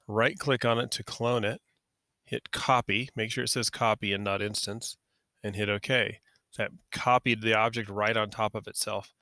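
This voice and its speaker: A man walks through a 3D software tutorial in a relaxed, step-by-step way, fixing his own slips as he goes. His voice is fairly low but bright and forceful. The recording is dry and close, with no room sound. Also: dry recording. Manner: casual, talks through each click, self-correcting. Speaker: software instructor.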